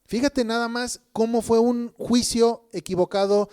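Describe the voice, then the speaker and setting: A man's voice: extremely high pitch, steady tone, measured pace, clean tone. A man preaching a sermon, emphatic, often checking in with listeners. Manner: says people think he is shouting.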